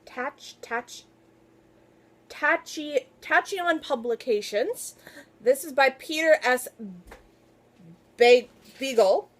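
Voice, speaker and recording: A woman talking casually to her viewers in a book haul video, gushing and excitable. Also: high-pitched, slow, pauses often. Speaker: book vlogger.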